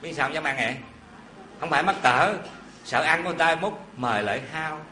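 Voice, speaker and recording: A man giving a Buddhist dharma talk, telling a story in an animated, folksy way with asides to his listeners. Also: fairly high pitch, fast talker, slight background noise. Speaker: Buddhist preacher. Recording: echoey hall with faint ambience.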